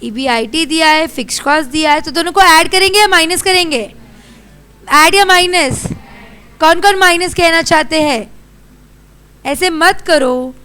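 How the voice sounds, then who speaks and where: A young Indian woman lectures a classroom in a high, bright voice. She quizzes her students in a brisk, scolding way. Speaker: teacher.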